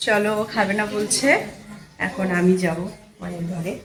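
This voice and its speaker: A woman's voice: medium pitch, steady tone, moderate pace. A woman hosting a casual family vlog, chatting informally to viewers at home.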